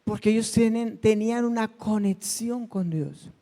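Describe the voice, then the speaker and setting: High-voiced pastor in a reverberant hall. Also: male voice, unhurried, warm tone. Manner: conversational preaching with questions to the congregation. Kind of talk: sermon. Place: church hall.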